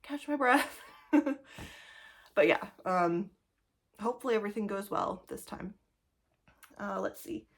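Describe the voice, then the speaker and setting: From her two-bedroom apartment, a pregnant woman in her thirties vlogs about cross-stitch, talking casually to camera with lots of laughter, likes and ums, and a little breathlessness. Her mid-range voice is slightly rough with vocal fry, a bit slow, and full of frequent pauses.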